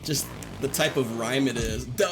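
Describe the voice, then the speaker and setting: A man's voice: medium pitch, steady tone, normal speed. A man streaming a game live, chatting playfully with his viewers, joking and teasing them, with game music running behind him. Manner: playful, jokey, teasing chat, laughs often. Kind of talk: casual live-stream chat while gaming. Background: video game music.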